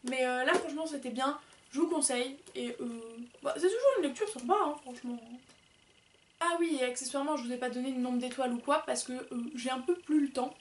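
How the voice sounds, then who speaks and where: A woman's voice: high-pitched, fairly quick, roomy sound, recorded from a distance. A woman chatting casually and rambling as she reviews books, with many fillers. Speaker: book vlogger. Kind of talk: casual book review chat.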